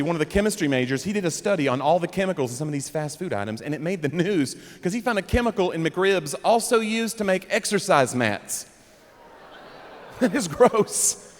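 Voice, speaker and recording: A young man performing a stand-up comedy set, animated and breaking into loud character bits. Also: high voice. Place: comedy club stage. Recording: live room with long reverb, faint crowd noise.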